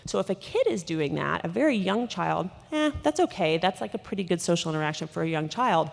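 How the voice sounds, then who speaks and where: A woman doctor giving a conference lecture, talking quickly with lots of fillers and restarts, in a large conference hall. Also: lowish voice, expressive, gravelly. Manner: rapid, with many fillers and restarts. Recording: hall reverb.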